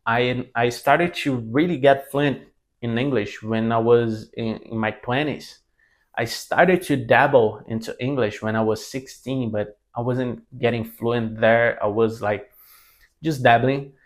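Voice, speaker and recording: A young man in his twenties, a language mentor with a Brazilian Portuguese accent, chats unscripted and easily to the camera at an ordinary middle pitch with fairly even intonation. English isn't his first language, so his speech is halting, with frequent pauses, restarts and self-corrections.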